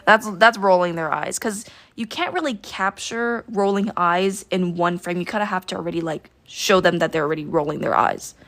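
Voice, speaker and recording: A woman's voice: on the low side, moderate pace, hardly any pauses, fairly bright tone, dry recording. A woman chatting casually while she draws during a livestream art lesson, giggling and thinking aloud. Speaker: art teacher streaming live.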